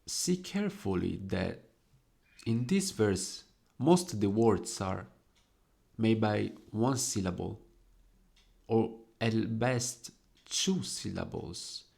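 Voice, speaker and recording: A young man slowly explaining the devices in his own poem, lingering over each quoted verse word. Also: fairly low pitch, animated, gravelly, darkish tone. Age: young adult.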